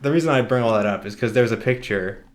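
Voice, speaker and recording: A man's voice: medium pitch, quick pace. A young man co-hosting a podcast, chatting casually about sports in a rambling way full of filler words. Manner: rambling, many "like" fillers, laughs often. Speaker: podcast co-host. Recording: echoey room.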